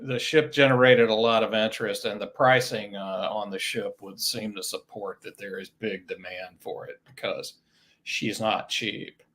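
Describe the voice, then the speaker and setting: A man's voice: on the low side, fairly even intonation, moderate pace, fairly bright tone. A man talking as a guest on a travel webcast, enthusiastic and repeating words as he starts sentences. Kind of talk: casual webcast chat.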